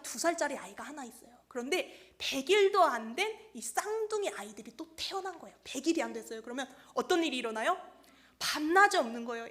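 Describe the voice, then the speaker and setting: High-voiced woman preaching a sermon. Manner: storytelling, quotes people in lively voices. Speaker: evangelist preaching. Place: church.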